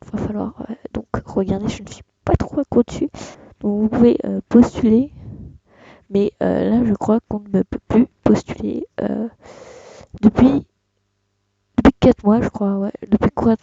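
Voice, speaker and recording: Young kid doing a screen tutorial, husky voice, lots of uhs, kinda muffled dry mic. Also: mid-range voice, fairly even intonation, measured pace, dark tone, no echo. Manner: hesitant, many fillers and restarts. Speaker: tutorial host. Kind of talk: casual screen-recorded tutorial.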